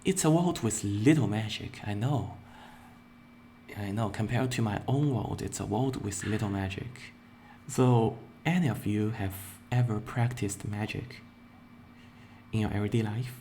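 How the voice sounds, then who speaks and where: A young man introduces himself as a virtual streamer in a laid-back Q&A, his lowish voice carrying a little hiss or hum. He responds slowly and deliberately, though playful excitement bubbles up at times.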